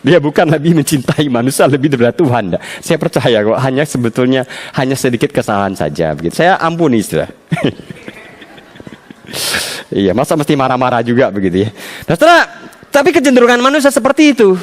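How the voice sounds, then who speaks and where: A man's voice: very animated, a little fast. A man preaching a sermon as pastor, telling everyday stories with rising emphasis. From Indonesia. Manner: storytelling with a sharply rising pitch for emphasis. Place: church.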